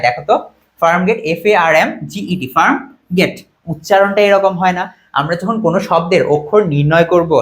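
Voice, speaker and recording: A man's voice: high voice, fairly bright tone. A young man teaching an online exam-prep lesson, quizzing students and counting items aloud.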